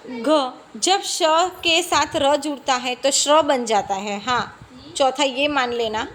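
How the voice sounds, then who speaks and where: A woman teacher talks through a lesson at an unhurried, deliberate pace. Her voice sits a little high, and she spells words out letter by letter. She asks questions and then answers them herself. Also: a bit bright, slight background noise. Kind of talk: classroom lesson explanation.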